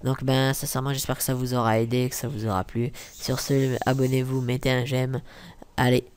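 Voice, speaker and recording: Young guy doing a software tutorial, mid voice, keeps saying uh and correcting himself, swears then says sorry. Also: medium pitch, level tone, a little fast, slight background noise. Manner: rambling, many fillers and self-corrections; mutters asides, swears and apologizes. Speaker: tutorial maker. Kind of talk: casual screen-recording tutorial.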